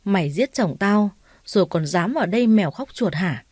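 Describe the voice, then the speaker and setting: A woman's voice: medium pitch, lively intonation, normal speed, darkish tone, dry recording, studio quality, natural voice. A woman voicing a spiteful, grieving older mother-in-law who wails and screeches accusations. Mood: screeching.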